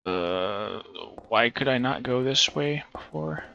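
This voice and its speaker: A man's voice: medium pitch, expressive, slow pace, gravelly, muffled recording. A man casually talking while streaming a horror game, rambling, swearing and joking to himself. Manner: rambling, profane, jokey asides. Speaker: gaming streamer. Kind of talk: casual let's-play commentary. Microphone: phone stream setup.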